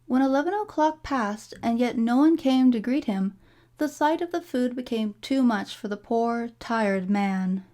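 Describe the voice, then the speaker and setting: A woman narrating a fairy tale from a storybook in a measured, formal storytelling delivery. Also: on the high side, lively intonation, warm tone. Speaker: storybook reader.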